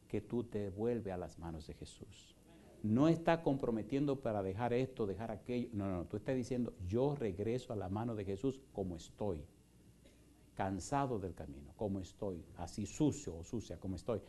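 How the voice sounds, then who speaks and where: A middle-aged male pastor preaching an evangelistic sermon in a church, firing rhetorical questions and moving from loud preaching to soft pleading. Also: lowish voice. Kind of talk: evangelistic sermon with altar call. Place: church in Houston, Texas.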